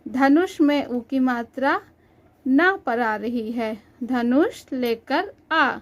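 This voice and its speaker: Woman, teacher, children's lesson voice-over; slow, clear, patient delivery. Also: sits high. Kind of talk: children's Hindi lesson, reading syllables aloud.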